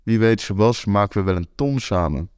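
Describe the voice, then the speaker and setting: A man reading a story aloud, voicing a brisk, businesslike young woman dealer in a cool, matter-of-fact way. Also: on the low side, lively intonation, a little mellow, clear, resonant tone, no echo, studio quality, lightly acted.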